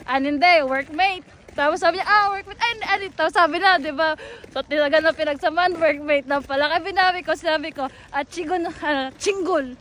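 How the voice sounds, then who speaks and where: A woman's voice: sits high, brisk, a bit bright, a little hiss or hum. A young woman from the Philippines, an employee on a company trip, chatting casually and protesting sheepishly outdoors at a tourist site. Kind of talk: casual chat.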